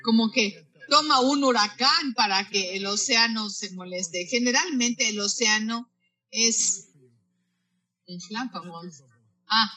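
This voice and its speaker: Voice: mid-range voice, sharp tone, low-quality recording. A Buddhist teacher giving a spoken lesson, often repeating and restarting words mid-phrase and turning to the listeners with direct questions and asides.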